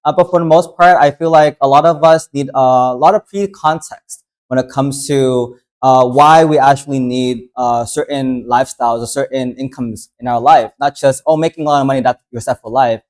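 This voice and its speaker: Man, from the United States, workshop host, casual talk, filler-heavy phrasing, middle pitch. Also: steady tone, moderate pace, hardly any pauses, a little mellow. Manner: conversational, loose, many fillers.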